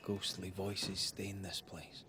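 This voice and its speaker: An actor playing a stern, composed ghost hunter in a video game, speaking in a terse, measured, matter-of-fact way. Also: male voice, deep voice, little pitch movement. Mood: watchful, grim. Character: stern, composed male ghost hunter, guarded but helpful. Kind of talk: dramatic video game voice acting. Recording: faint ambient noise behind.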